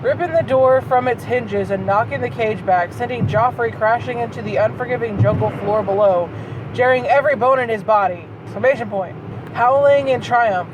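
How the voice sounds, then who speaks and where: A host with a voice on the high side reads bad fan fiction in a dramatic style, stopping between passages to swear and react with disbelief. Clear road and vehicle noise fills the background, since she's recording inside a moving car.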